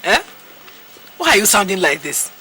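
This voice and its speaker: A woman's voice: medium pitch, very animated, normal speed, sharp tone, husky, heavily acted. An actress with a Nigerian accent playing a domineering, scheming churchgoing mother who presses with questions. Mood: bossy. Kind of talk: film drama acting.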